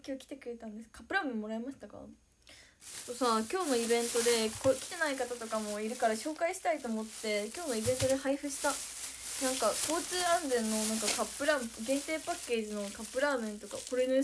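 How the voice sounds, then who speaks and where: A young woman chatting on a livestream, excitable and giggly, thanking viewers by name as she reads their comments. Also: fairly high pitch, fast talker, background noise. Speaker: idol livestreamer. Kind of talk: casual livestream chat reading viewer comments.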